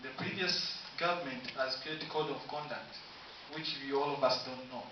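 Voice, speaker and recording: A man's voice: mid-range voice, recorded from a distance. Tanzanian man, student candidate speech, formal listing delivery, picked up from across a very echoey room with a dull hissy sound. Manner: formal, listing points, slow halting delivery. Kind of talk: campaign speech. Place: university room. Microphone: camera from afar, no mic.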